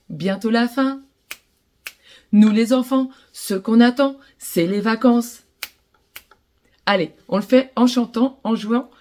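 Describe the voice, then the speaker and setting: Gentle French woman teaching ukulele to children. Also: fairly high pitch. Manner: gentle, encouraging, addresses children directly. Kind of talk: children's music lesson.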